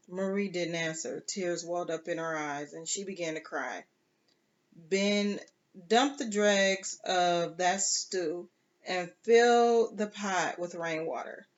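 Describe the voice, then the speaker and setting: A reader works through a novel aloud at an unhurried pace. The reading stumbles now and then with fillers and restarts and breaks off for chatty asides. The recording is dull and lo-fi. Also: mid-range voice. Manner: slow, halting, with fillers and self-corrections. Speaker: storybook reader.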